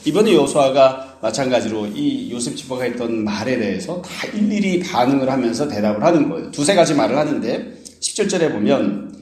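A man's voice: mid-range voice, fairly quick. A man preaching a sermon, explaining a scripture passage and acting out its speakers in casual paraphrase. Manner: acts out the biblical speakers with lively paraphrase. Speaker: pastor. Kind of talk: sermon exposition. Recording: roomy echo.

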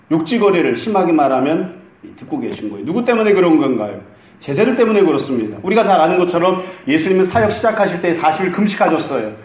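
A man's voice: on the high side, echoey room, dull audio. A middle-aged male pastor preaching a conversational sermon, acting out the lines he quotes.

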